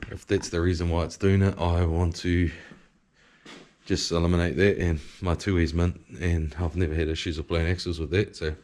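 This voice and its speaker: A man's voice: deep voice, little pitch movement, moderate pace, darkish tone. A man with a broad New Zealand accent giving a casual, slangy, sweary video diary in a laid-back way. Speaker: vlogger and drift car driver.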